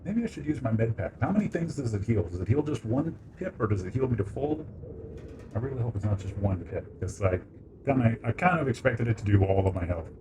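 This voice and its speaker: A man's voice: medium pitch, animated, brisk, background noise. A man streaming a video game live as a VTuber, reacting playfully with laughter and swearing. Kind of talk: live gameplay commentary.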